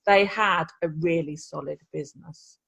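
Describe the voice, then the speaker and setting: A woman co-hosts a podcast in relaxed chat, circling back and restarting as she explains. Her voice is husky and sits slightly low. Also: moderate pace. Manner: rambling, restarts often. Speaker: podcast co-host, copywriter. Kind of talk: casual chat.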